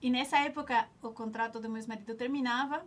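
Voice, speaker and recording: She talks fast in a steady, slightly high voice: a nutritionist from Ecuador in her forties, with a native Ecuadorian Spanish accent. As an alumna guest, she thoughtfully recounts her story, restarting often as she searches for words.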